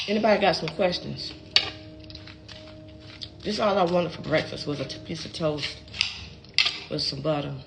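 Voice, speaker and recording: A middle-aged woman, chatting casually and folksily as she shows how to make butter in her home kitchen. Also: fairly low pitch. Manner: chatty, folksy, calls viewers baby and child. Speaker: home cook and gardening creator.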